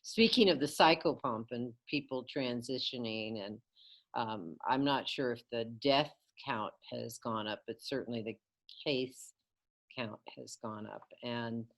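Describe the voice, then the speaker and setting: A middle-aged woman, an astrologer, speaking in a slow, halting, thoughtful way. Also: very deep voice. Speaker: astrologer co-host. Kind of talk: casual conversation.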